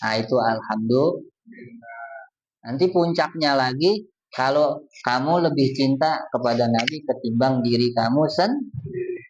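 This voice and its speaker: A man's voice: mid-range voice, very animated, measured pace, pauses often. A man preaching a casual, colloquial sermon to a congregation, earnest and speaking directly to his listeners. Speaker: Islamic preacher. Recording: distant dull lo-fi recording.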